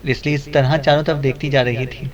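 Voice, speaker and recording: A man narrating a detective audiobook in a steady storytelling manner. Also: medium pitch, far from the mic, lo-fi sound. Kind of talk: scripted narration.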